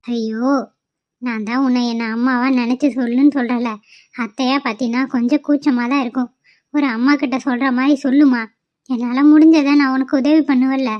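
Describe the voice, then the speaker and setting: A woman's voice: sits high, fairly even intonation, brisk, no room sound, muffled recording, lightly acted. A woman voicing a soothing mother-in-law. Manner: soothing, consoling. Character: caring middle-aged mother-in-law.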